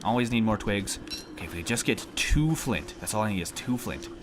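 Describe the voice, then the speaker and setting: Lively, nasal, congested man commentating a game. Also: fairly low pitch, brisk, background noise. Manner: thinks aloud, grumbles at setbacks. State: congested from allergies. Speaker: gamer commentating on own play. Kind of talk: casual gameplay commentary. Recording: music behind the voice. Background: game music.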